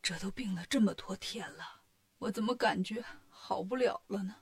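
A woman voicing a sick, weak monk master who speaks in a faint, breathy half-whisper. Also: on the high side, normal speed, darkish tone, natural voice. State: ill and feverish.

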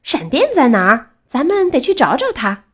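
A goofy male tow truck from a children's storybook, bouncing with glee and calling out loudly in a voice pitched well up, as a woman reads him out. His lines leap high and swing wildly. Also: normal speed, husky, full character voice. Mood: excited. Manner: excited shouting, upbeat.

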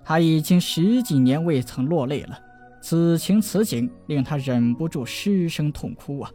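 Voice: medium pitch, lively intonation, dark tone, soft background music. A narrator reading a serialized audiobook chapter with emotive, dramatic delivery. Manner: emotive storytelling with drawn-out endings.

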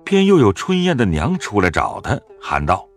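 A narrator telling a classic novel in measured scripted narration, with a husky voice. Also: sits low, faint music behind. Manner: measured storytelling with lively rise and fall.

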